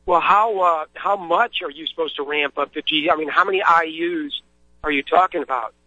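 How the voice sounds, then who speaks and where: A man's voice: a little high, moderate pace, bright, forceful tone, no echo. Guy phoning into a radio show from his car, clipped phone line sound, friendly and rambly, lots of uhs. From Missouri, US. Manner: rambling, friendly, many fillers. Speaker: caller. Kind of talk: casual call-in chat. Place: in a moving vehicle. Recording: dull, dry phone audio.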